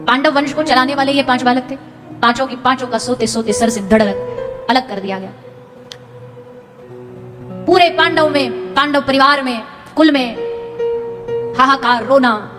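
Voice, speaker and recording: An Indian katha storyteller narrates a devotional sermon with dramatic flair, breaking into sung Sanskrit verses. Her voice sits high, her pace is moderate, and she pauses often, with music and long reverb filling the large hall of this live religious event.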